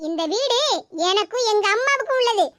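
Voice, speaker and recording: A woman's voice: very high voice, expressive, brisk, fairly bright tone, no room sound. A woman voicing a sly, spoiled young sister-in-law in a cartoon, speaking with a Tirunelveli Tamil accent in a taunting, fake-wailing manner.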